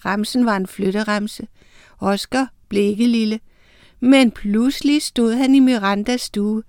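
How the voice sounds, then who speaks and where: A woman narrating a children's storybook in a clear, steady storytelling voice. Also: a little high, no echo, studio quality. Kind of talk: storybook reading.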